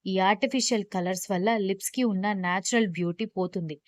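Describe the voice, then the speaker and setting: A teasing, possessive young husband in a storybook romance, as a woman narrator puts him on, playfully bossy with his wife. The voice is dry and close, with no room sound around it. It stays near the reader's own middle pitch. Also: fast talker, no echo, natural voice.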